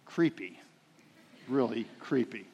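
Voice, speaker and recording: A middle-aged man preaching a sermon, telling a family story in a folksy way, with frequent fillers and swings between loud and soft. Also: medium pitch, lively intonation, takes it slowly, breathy edge, lo-fi sound.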